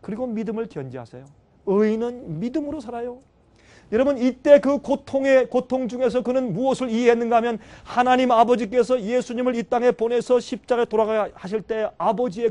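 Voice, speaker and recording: A middle-aged male pastor delivering a sermon. His voice sits high for a man, and he moves from loud bursts to hushed asides. He speaks directly to the congregation as he tells the story. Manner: swings between loud exclamations and quiet, low asides; emotional storytelling, addresses listeners directly. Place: church seminar hall.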